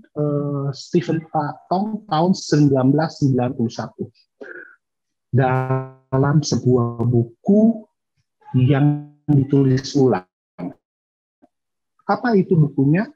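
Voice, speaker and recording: A man preaching a sermon in a conversational way, pausing to correct himself and acting out the voices he quotes. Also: a little high, expressive, mellow, slightly rough, dull audio, soft background music. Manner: conversational, with fillers and self-corrections.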